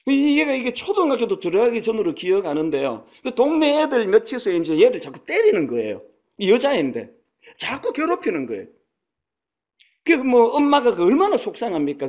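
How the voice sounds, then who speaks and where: A man's voice: extremely high pitch, a little mellow. A man in his sixties preaching a sermon as a pastor, in a conversational storytelling manner that acts out quotes. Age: 60s. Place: church sanctuary.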